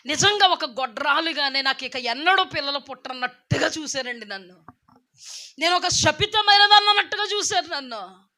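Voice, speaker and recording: A middle-aged woman giving a church testimony, moving from soft, tearful telling to loud, fervent preaching. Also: high voice. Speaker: testimony speaker.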